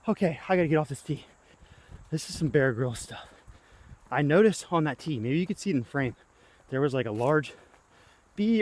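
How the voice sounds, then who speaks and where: A young man outdoors on a disc golf course, talking casually through his throws, excitable and often yelping at shots, winded and tired as he plays. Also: medium pitch. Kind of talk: casual play-by-play commentary.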